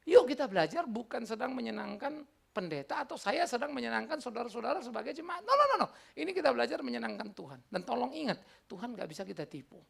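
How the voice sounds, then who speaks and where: A middle-aged man preaches a sermon with a heavy gravelly rasp and a husky edge. His pitch jumps high and drops low all the time. He delivers it in an animated, colloquial style and keeps breaking into asides. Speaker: pastor.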